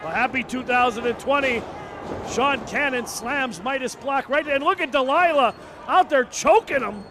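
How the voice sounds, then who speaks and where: High-pitched male wrestling commentator, noisy. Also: normal speed. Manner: narrates moves in clipped bursts. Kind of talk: live play-by-play wrestling commentary. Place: commentary booth at a live wrestling event. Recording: noisy event-hall recording.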